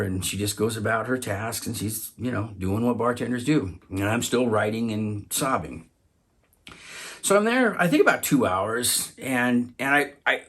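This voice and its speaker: A man telling a personal story, halting often to repeat and restart his words. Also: medium pitch, a bit bright.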